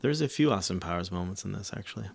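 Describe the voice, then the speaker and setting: A man's voice: sits low, expressive, fast, creaky, breathy edge. A man co-hosting a podcast, chatting about a film in a laid-back, joking way. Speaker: podcast co-host. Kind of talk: casual chat about a film.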